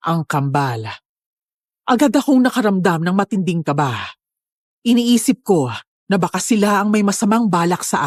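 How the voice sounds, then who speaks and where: Low-voiced woman narrating a horror story. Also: no room sound, clean studio sound. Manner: steady, somber storytelling.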